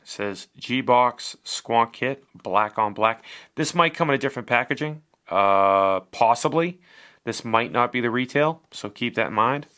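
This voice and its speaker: A man's voice: mid-range voice, a little slow, pushed and bright. Casual man doing an unboxing review. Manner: casual, chatty, swears now and then. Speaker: product reviewer.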